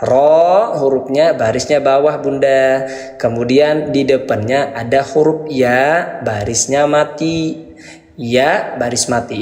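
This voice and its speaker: Slow, patient male Quran teacher, echoey. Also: medium pitch, a little mellow. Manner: repeats and quizzes with questions, then answers himself; addresses parents as Ayah Bunda. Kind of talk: slow, patient beginner lesson. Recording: echoey room with long reverb.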